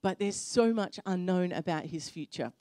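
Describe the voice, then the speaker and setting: Low, mellow-voiced woman preaching. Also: expressive, no echo. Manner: pauses often for the interpreter, earnest storytelling. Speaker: pastor. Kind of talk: sermon with live interpretation. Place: church.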